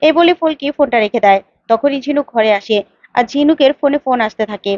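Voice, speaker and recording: A woman narrating a story in a plain, rapid retelling. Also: high-pitched, darkish tone, muffled recording.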